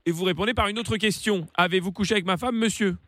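A pompous, indignant jealous husband, as a man puts him on, hammers his accusations in a high, rapid voice. He keeps it stiff and formal, tacking a cold "sir" onto every line. The studio sound is dry and close. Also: a bit bright, no echo. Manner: insistent, indignant, ends every sentence with "monsieur". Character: jealous, pompous man accusing a stranger, imaginary prank persona. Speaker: prank caller. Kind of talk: radio prank call. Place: radio studio.

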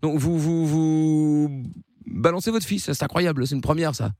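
A man radio prankster posing as a gendarme, talking in a fussy, mock-formal way with halting restarts. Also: on the high side, darkish tone, dry recording, clean studio sound. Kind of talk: prank call.

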